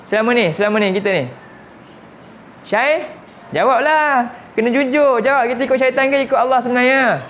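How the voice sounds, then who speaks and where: A man's voice: extremely high pitch, fairly bright tone, slight background noise. A man with a Malaysian Malay accent teaching a Quran lesson, firing repeated questions at his students and slipping in English words. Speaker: religious teacher. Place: mosque classroom.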